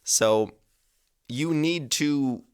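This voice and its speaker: Very slow and clear, this podcast host in his twenties has a mid-range voice with a resonant tone. His advice spills out in a casual, rambling monologue laced with swearing and frequent self-corrections.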